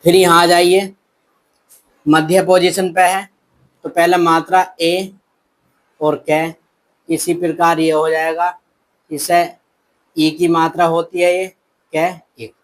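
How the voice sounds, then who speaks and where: A man teaching shorthand in a slow, patient, step-by-step classroom manner, talking kindly to his students. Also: on the high side, flat delivery, low-quality recording. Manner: slow, patient explaining, addresses students as "beta".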